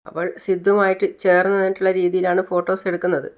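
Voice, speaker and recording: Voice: medium pitch, monotone, fast talker. Casual storyteller retelling a TV serial. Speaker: narrator.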